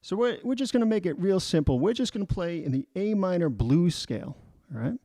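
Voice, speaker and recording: A middle-aged man teaching a music lesson in a relaxed way, often checking in with "all right?". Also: sits high, brisk, no room sound.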